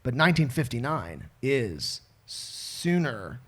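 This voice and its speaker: A man's voice: mid-range voice, slow pace. A man hosting a live podcast taping, talking casually and jokily, swearing and laughing as he goes. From Florida. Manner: jokey, animated, swears and laughs often. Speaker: podcast host. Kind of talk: casual live-show banter.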